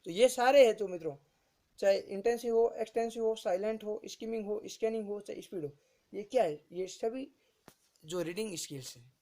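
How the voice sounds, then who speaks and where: A man's voice: high voice, a little fast, dark tone. A male teacher giving an exam-prep lecture who repeats each term and keeps asking rhetorical questions, addressing his listeners as friends.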